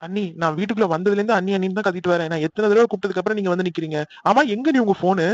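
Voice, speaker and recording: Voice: medium pitch, rapid-fire, no echo, muffled recording, natural voice. A voice actor playing a young office worker in a cartoon, urgent and later bitterly resigned. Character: young Tamil man Akil, office worker, hurt. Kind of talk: cartoon voice acting.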